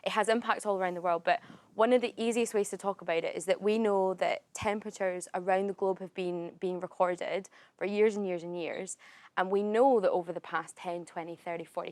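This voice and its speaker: Scottish woman explaining, low and dry. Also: a little fast, no echo. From Scotland. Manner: clear, animated explainer. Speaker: guest.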